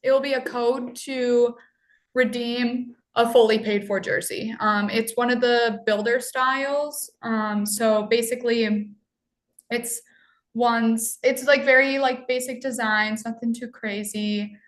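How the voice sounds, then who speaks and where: A woman's voice: on the high side, slow. A woman joining a live stream as a guest over a video call, talking casually and hesitantly with many fillers. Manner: relaxed, hesitant, filler-heavy. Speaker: guest bowler.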